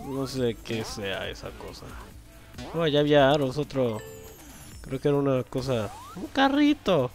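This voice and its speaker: A young man, commentating a video game as he plays, swearing loudly and laughing often at what happens on screen. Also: medium pitch, very animated, unhurried, vocal fry, faint music behind. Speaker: gameplay commentator. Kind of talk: let's play commentary.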